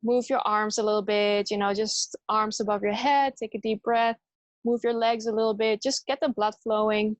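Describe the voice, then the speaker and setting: A woman's voice: mid-range voice, little pitch movement, moderate pace, no room sound. A woman from the Netherlands, a yoga teacher, chatting casually as an interview guest and laughing often.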